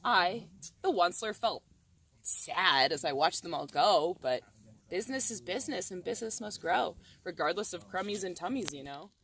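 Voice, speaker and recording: A woman reciting a rhyming children's story by rote in a theatrical, expressive storytelling manner. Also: fairly low pitch, normal speed.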